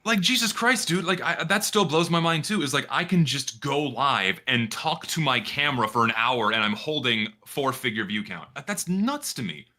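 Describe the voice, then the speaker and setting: A man's voice: medium pitch, expressive, moderate pace, few pauses, bright, forceful tone. A man with a Texan accent giving casual, emphatic commentary on a livestream, repeating himself for stress. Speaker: streamer.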